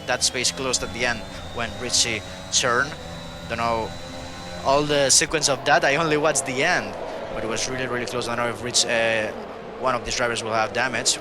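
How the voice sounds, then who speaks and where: A man co-commentating a sim racing league race, measured and analytical. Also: medium pitch, noisy background.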